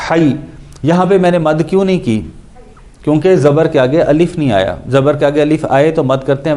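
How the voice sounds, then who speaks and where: A man teaching Quran recitation, patiently explaining and repeating syllables slowly to show how each letter sounds, with English words mixed in. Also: fairly high pitch, darkish tone. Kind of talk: explanatory lesson on pronunciation.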